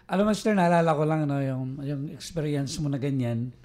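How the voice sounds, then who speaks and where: A priest from the Philippines hosting a talk, telling an animated story with laughter. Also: male voice, a little high, brisk. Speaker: priest and host. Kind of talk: casual storytelling.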